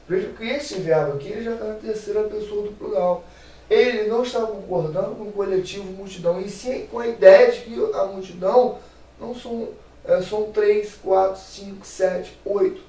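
Lively male teacher, echoey room. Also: a little high. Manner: lively, playful, drops English exclamations. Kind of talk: classroom grammar lesson. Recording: echoey room, mic at a distance.

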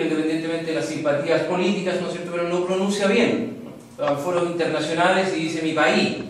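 In a rough recording with heavy reverb, a far-off mic, and a little hiss or hum, a man with a Chilean Spanish accent teaches an online course on voice projection. The Chilean instructor lectures while demonstrating voices, varying pitch and tension to illustrate.

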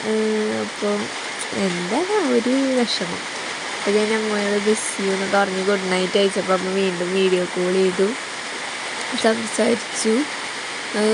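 Young woman, rambling fond vlog chat, noisy home recording. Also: medium pitch. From Kerala. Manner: rambling, fond, with many fillers. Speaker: family vlogger. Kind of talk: casual vlog narration.

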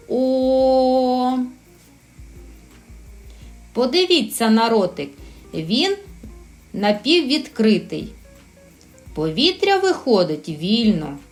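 A woman teaching a recorded lesson for preschool children, encouraging and drawing out her words. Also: a little high. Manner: slow, sing-song and encouraging, drawing out sounds.

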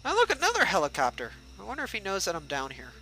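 A man's voice: high voice, wildly swooping pitch, racing, sharp tone, soft background music, poor audio. A young man giving casual, joking let's-play commentary and chatting at the game's characters. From United States. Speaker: gameplay livestreamer.

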